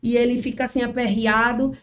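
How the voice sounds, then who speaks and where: Appearing as a podcast guest, a children's ministry worker shares a church testimony in casual chat, animatedly acting out the people and quotes in her story. Her voice is fairly high and a little fast, recorded from a distance.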